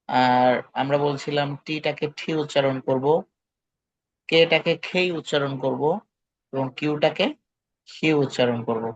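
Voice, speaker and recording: A male English teacher patiently repeats words for his students as he leads an online pronunciation drill. His fairly high voice is recorded dry, over dull, lo-fi call audio.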